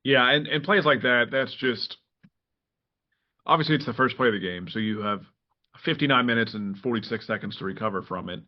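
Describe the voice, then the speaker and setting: A man talks through a casual sports podcast chat in a mid-range voice, animated and quick to restart his sentences. The audio is a little dull and lo-fi. He stirs in short acted-out quotes as he goes. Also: mid-range voice. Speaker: podcast co-host.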